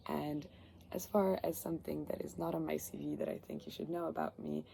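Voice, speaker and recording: Low, gravelly young woman. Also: steady tone, brisk, dark tone, slight background noise. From Ireland. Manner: chatty, enthusiastic, many fillers. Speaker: job applicant. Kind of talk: self-recorded application video. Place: garden outdoors.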